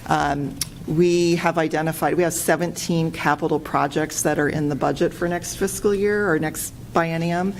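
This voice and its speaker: A woman's voice: low-pitched, fairly even intonation, normal speed, slight background noise. A woman on city staff presenting a public works update at a budget meeting, hesitant and full of fillers, in a meeting room.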